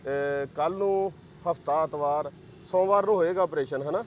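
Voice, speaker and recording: A man with a Pakistani Punjabi accent speaks as a social worker, reassuring and firm in a fatherly way. His voice sits a little high, and faint traffic hums behind him outdoors. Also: normal speed. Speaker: social worker, channel host. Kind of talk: unscripted conversation.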